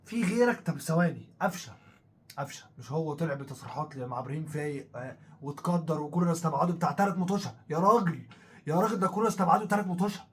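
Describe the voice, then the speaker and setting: A man with an Egyptian Arabic accent, co-hosting a casual football talk show, animated and full of fillers as he goes over the story. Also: on the high side, racing, husky. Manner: animated, repetitive, thinks aloud with many fillers. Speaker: co-host of a football talk channel.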